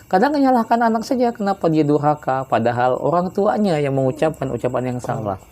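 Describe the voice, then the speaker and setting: A man from Palembang giving religious advice in a relaxed conversational way, often tagging his points with questions. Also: fairly high pitch, fairly quick. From Palembang, South Sumatra. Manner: relaxed and chatty, often adds "ya kan" tag questions. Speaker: Islamic religious teacher.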